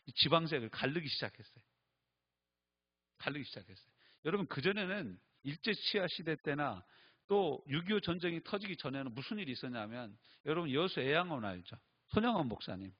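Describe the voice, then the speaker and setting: A man's voice: fairly high pitch, expressive, fairly quick, slightly rough, dull audio. A male pastor from Chungcheong preaching in a conversational, emphatic style, asking many rhetorical questions. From Chungcheong, Korea. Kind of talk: sermon.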